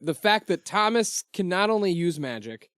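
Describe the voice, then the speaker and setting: Quick, laughing book club co-host. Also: medium pitch, very animated, fairly bright tone, smooth, dry recording, studio quality. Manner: quick, laughing, swears casually. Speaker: podcast co-host. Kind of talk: casual book club chat.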